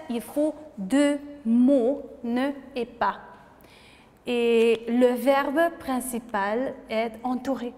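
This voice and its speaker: A female teacher gives a slow, careful lesson, spelling endings out letter by letter and pausing often between words. Her voice sits fairly high, and a long reverb hangs around it. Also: a little mellow. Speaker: French teacher. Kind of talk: slow, patient language lesson. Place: room with a board.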